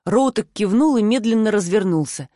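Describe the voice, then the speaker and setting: A woman reading a novel aloud in an even, steady first-person narration. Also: medium pitch, normal speed, no echo, studio quality. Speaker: audiobook narrator.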